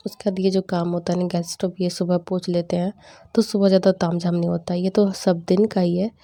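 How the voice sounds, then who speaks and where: A young woman in casual voice-over narration for a home vlog, chatty and animated as she retells family banter. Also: on the low side, fairly quick. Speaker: vlogger.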